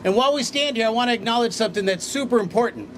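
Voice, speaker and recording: Plain-spoken union VP rallying outdoors; higher male voice. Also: rapid-fire, a bit bright, slight background noise. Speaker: union vice president. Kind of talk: rally speech. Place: outdoors by hotels and convention center.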